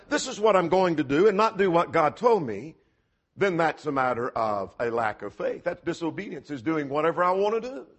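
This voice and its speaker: A man's voice: high voice, a bit bright. A man preaching a sermon in an earnest, emphatic way, asking rhetorical questions as he goes.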